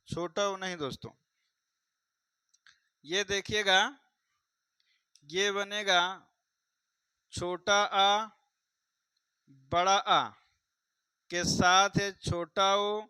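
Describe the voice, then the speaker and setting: Male Hindi teacher, exam-prep lesson, bright clear voice, dry close sound. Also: high-pitched, dry recording, poor audio. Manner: repeats points, quizzes viewers, addresses them as friends.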